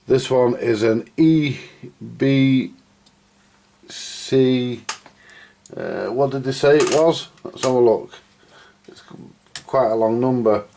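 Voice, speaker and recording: At a home workbench, a man hosting a radio repair video gives casual, rambling hands-on commentary to viewers, thinking aloud while he works. His voice is mid-range and mellow. Background noise with clicks is clearly audible.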